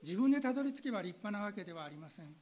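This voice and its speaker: A woman's voice: medium pitch, animated, rapid-fire, a little mellow, low-quality recording. A woman pastor giving an earnest sermon that asks her listeners direct questions, then leading a spoken prayer.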